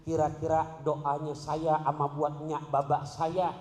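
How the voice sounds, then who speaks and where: A woman's voice: deep voice, level tone, measured pace, darkish tone. A male preacher voicing an elderly grandmother, praying tearfully and earnestly, in an echoey hall. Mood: pleading. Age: 70s. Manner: pleading, tearful prayer.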